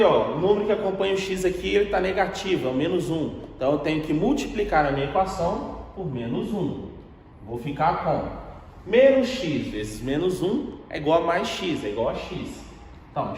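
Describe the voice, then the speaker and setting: A man's voice: a little high, a little mellow, a little hiss or hum. A man teaching a math lesson step by step, asking and answering his own questions. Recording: very echoey room with long reverb.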